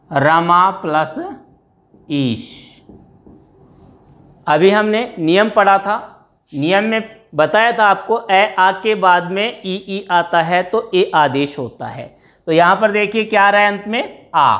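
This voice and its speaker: A man's voice: high voice, a bit bright. A man teaching a grammar lesson, explaining step by step and asking his students questions before answering them himself. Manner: drawn-out words when stressing examples.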